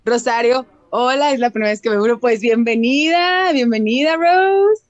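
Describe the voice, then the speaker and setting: A woman's voice: a little high, moderate pace, no echo, lo-fi sound. Giggly Mexican woman reading chat greetings. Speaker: live stream co-host. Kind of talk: casual live-stream chat.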